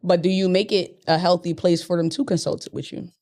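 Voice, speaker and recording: A woman's voice: lowish voice, steady tone, brisk, warm tone. A woman co-hosting a casual podcast, asking probing questions and teasing her co-host.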